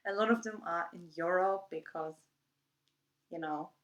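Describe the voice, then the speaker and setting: Young German woman vlogger, slightly low voice, rambling friendly chatter with fillers. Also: unhurried. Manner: reads prepared answers from her phone. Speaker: YouTuber. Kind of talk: casual get-to-know-me vlog.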